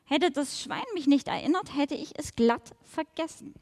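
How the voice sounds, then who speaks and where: A woman's voice: high voice, normal speed, long reverb tail, lightly acted. Woman voicing a sly, dry fox. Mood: deadpan. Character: sly, calm male fox.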